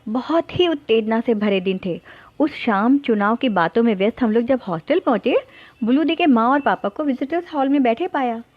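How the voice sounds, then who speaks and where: A woman reading a short story aloud in steady, expressive narration. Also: on the high side. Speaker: story reader. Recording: dull lo-fi dry recording.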